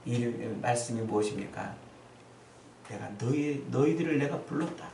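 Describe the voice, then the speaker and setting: A man preaching a sermon as pastor, acting out the quoted lines with sudden loud, high outbursts. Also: moderate pace, gravelly, echoey room, distant mic, a little hiss or hum, poor audio. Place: church sanctuary.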